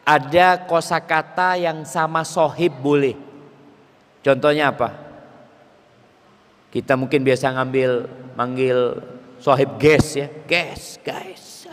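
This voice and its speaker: A male preacher giving a lively sermon to a congregation, his voice climbing sharply whenever he stresses a point. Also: mid-range voice, takes it slowly, long pauses. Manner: lively, rising sharply for emphasis, addresses the congregation. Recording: long hall reverb.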